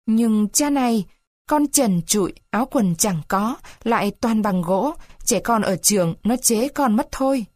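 An eager little wooden puppet boy, as a woman reader puts him on in a storybook, high-pitched and childish. He talks in a pleading, earnest way. The sound is dry and close. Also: expressive, measured pace, darkish tone, dry recording. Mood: earnest childlike. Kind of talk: storybook read-aloud.

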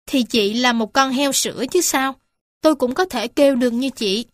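A woman voicing a stubborn young fawn in a children's storybook reading, insistent and quick. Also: high voice, no room sound, studio quality, natural voice. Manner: insistent, then sheepish.

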